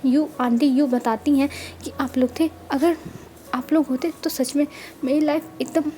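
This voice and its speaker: Brief: woman narrator doing a heartbroken young man in a spoken storybook, pleading and high-pitched. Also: fairly even intonation, moderate pace, mellow, a little hiss or hum, close to an everyday voice. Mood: tearful. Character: sad young orphaned man, gentle and crying.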